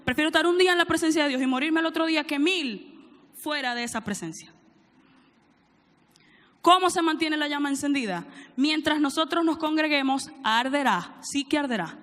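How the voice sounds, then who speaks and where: A woman preacher with a high voice delivers a sermon, reading verses aloud and asking the congregation to answer back. Her voice carries a long, ringing church reverb. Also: normal speed, a bit bright. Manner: reads scripture aloud, prompts congregation to answer. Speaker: preacher, church teaching director.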